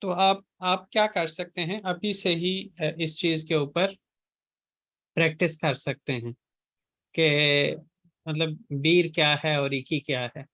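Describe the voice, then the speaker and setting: Man, teacher, slow repetition drills, a bit high. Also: fairly even intonation, fairly bright tone. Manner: patient, drills each word slowly by repetition. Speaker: Turkish language teacher. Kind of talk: online class lesson.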